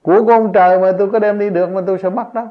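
A man's voice: sits high, steady tone, racing. A man giving a spontaneous religious teaching, emphatic and full of rhetorical questions, his voice jumping up on key points. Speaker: spiritual teacher. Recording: dull lo-fi recording.

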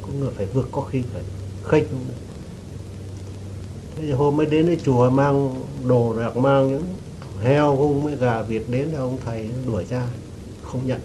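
A man respectfully telling his teacher a story he witnessed, in a hesitant, halting way, with frequent restarts and throat-clearing. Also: mid-range voice, steady tone. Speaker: devotee giving testimony. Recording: noisy recording with rain behind.

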